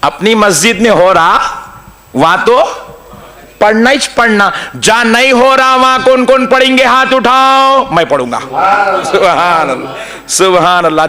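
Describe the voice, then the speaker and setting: Lively high-voiced male preacher. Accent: Hyderabadi Urdu. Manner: storytelling, mimics others, chants Quran passages. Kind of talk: humorous sermon.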